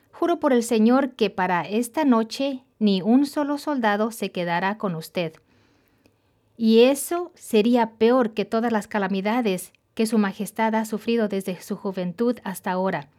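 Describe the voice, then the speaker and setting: A woman's voice: fairly high pitch, a little mellow, lightly acted. A woman doing a stern general scolding. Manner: reproachful, firm. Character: stern male army general rebuking his king.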